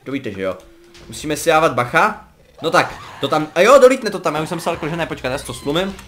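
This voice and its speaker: A young man giving casual, joking commentary over a game he is playing, rambling along and breaking into excited yelps. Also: on the high side, a little hiss or hum. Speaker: gaming commentator.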